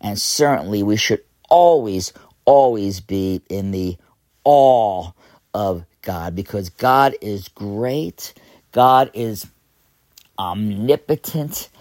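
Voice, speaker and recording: A hoarse man hosting an inspirational religious radio show, speaking earnestly and repeating phrases for emphasis. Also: on the low side, lively intonation, slow pace, a little mellow, no echo, studio quality.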